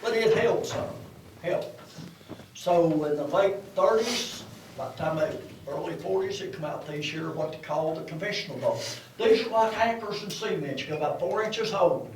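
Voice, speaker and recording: Older male tour guide, Appalachian, high-pitched old-prospector storyteller, recorded at a distance in an echoey space. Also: animated, moderate pace. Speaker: coal mine tour guide, former miner. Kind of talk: informal guided tour talk. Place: underground exhibition coal mine. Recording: echoey mine tunnel, distant mic, faint noise.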